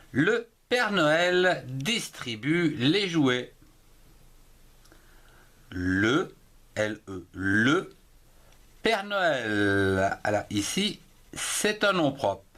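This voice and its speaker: A middle-aged man teaching a spelling lesson, slowly spelling out words letter by letter and counting syllables. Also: medium pitch, a bit bright. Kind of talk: dictation-style spelling lesson.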